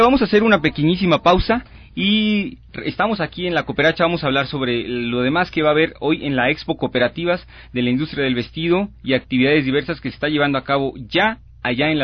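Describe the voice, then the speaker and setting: Chatty radio host, lo-fi. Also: male voice, on the high side. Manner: chatty, casual. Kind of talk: live radio chat. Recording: lo-fi radio broadcast.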